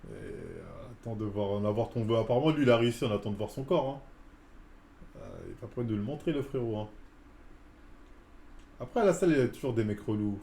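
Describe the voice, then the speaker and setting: A man's voice: on the low side, very animated, brisk, vocal fry, pauses often, dark tone. Slangy man in his forties ranting. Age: 40s. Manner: slangy, heated street-style talk. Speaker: fitness streamer. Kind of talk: casual ranting chat on a live stream. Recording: echoey room.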